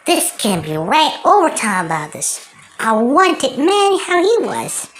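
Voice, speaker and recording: An amateur putting on a mischievous cartoon woodpecker with a high voice that swings widely up and down. The bird is excitable and exclamatory, rambling along slowly and stretching out its words. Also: exaggerated voice. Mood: scheming. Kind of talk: amateur cartoon character impression.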